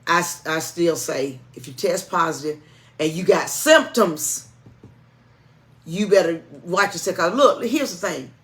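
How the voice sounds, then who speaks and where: A woman's voice: on the low side, a little slow, a bit bright. Folksy woman, church co-host. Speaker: church music director and co-host. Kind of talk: informal announcements and chat.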